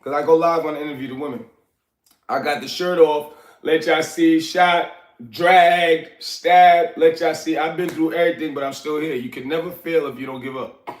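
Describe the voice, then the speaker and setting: In an echoey room, a Liberian man in his forties hosts a livestream from his apartment, rambling loosely and answering chat while he recovers from an illness, coughing now and then. His voice is a little high, with fairly even intonation and a normal speed.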